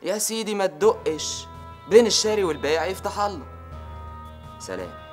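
Smooth Egyptian trader on the phone, easygoing and persuasive; TV drama. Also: male voice, high-pitched, very animated, fairly quick, soft background music. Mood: jovial. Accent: Egyptian Arabic. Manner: jovial, bargaining, on the phone. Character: smooth-talking Egyptian dealer, man, middle-aged. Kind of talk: TV drama acting.

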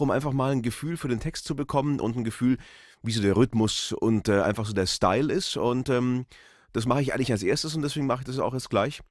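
A man who works as a voice artist gives an explanatory tutorial in a medium-pitched voice with no echo. He speaks into a close studio microphone on a boom arm inside a small voice-over studio booth.

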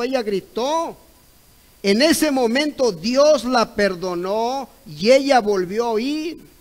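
Slow-talking high-voiced Mexican preacher man. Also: low-quality recording. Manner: retells a dialogue, repeating "correcto" and "¿ve?"; rises to loud exclaimed cries when acting out others. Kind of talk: Sunday school sermon.

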